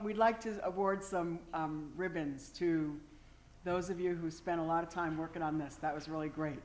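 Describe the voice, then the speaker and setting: A woman emcees an awards segment, heaping on enthusiastic praise and halting over fillers. She speaks slowly at a middle pitch, with a faint hiss under her voice. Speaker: event organizer handing out awards. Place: museum event hall with an audience.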